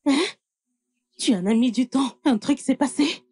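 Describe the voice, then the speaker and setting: A woman's voice: high voice, a little slow, a little mellow, breathy edge, full character voice. A woman dubbing an anxious mother in a film drama, pressing with urgent questions. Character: anxious mother of an injured daughter.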